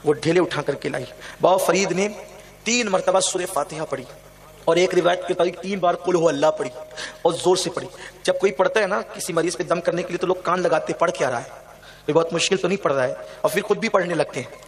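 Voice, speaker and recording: A man with a high-sitting voice preaches a devotional sermon, telling stories with passion. He puts rhetorical questions to the audience.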